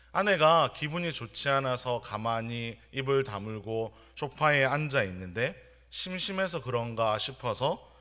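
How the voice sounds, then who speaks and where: Bright-voiced young pastor preaching. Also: male voice, mid-range voice. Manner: earnest, measured preaching with anecdotes. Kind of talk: sermon. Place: church sanctuary.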